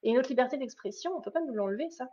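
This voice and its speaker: A woman's voice: high voice, animated, fast talker, mellow, dull audio. A woman giving a spiritual business coaching talk on a live stream, speaking earnestly and straight to her viewers, with frequent hesitations and restarts.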